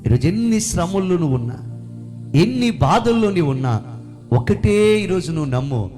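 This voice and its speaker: A man preaching a sermon. He keeps asking the listeners questions, and his voice swings from soft to shouting. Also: high-pitched, big pitch swings, normal speed. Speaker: pastor. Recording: faint music behind.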